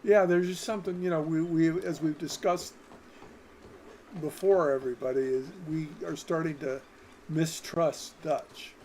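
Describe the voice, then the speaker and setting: A man's voice: fairly high pitch, fairly even intonation, a little slow, a little mellow, a little hiss or hum, rough recording. A man chatting casually as a gaming co-commentator. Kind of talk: casual gameplay chat.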